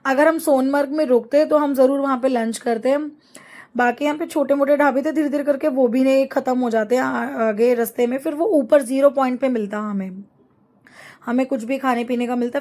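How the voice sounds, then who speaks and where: A middle-aged woman narrating a family travel vlog in a chatty, rambling way, pausing to find words. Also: high-pitched, fairly even intonation, a little mellow. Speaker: travel vlogger.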